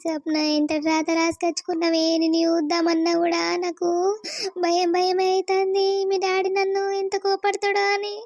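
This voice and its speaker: A woman voicing a grieving, tearful village mother with a Telangana Telugu accent, in a high, wailing, sobbing delivery. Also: steady tone, brisk, pauses often, dry recording, studio quality. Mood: sorrowful.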